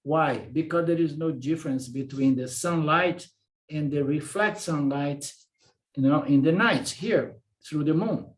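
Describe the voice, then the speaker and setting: Brazilian-accented male teacher, slightly high voice, repeats himself and checks in often. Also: measured pace, roomy sound. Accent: Brazilian Portuguese. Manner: repeats words, asks "okay?" to check understanding. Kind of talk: lecture on Vedanta philosophy.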